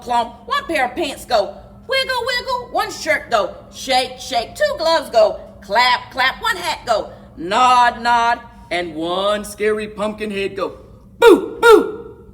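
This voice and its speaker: Acting as a library story time host, a woman reads to children in a fairly high voice. Her narration is expressive, dramatic and deliberate, sprinkled with playful sound words.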